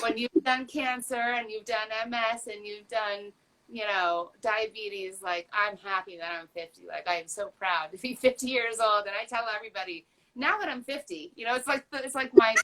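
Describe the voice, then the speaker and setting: A patient advocate in her fifties speaks as an interview guest with a medium-pitched, bright, forceful voice at normal speed. She's candid, earnest and chatty, using frequent fillers and restarts, and the audio quality is poor.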